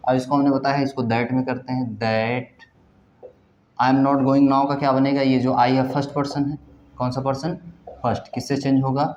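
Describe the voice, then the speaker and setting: In a classroom with a board, a man lectures on English grammar and drills his students with repeated questions. His delivery is flat, with a medium pitch, moderate pace, and a darkish tone, and the roomy, dull recording has slight background noise.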